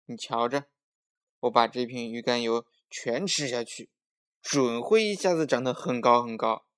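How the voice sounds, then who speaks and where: A man voicing an eager, stubborn little boy who brags in a childish, excited voice. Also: mid-range voice, normal speed, close to an everyday voice. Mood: boastful.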